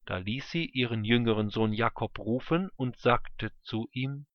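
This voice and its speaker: A man calmly narrating a scripture reading. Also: medium pitch, a little slow, no room sound, muffled recording. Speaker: scripture reader.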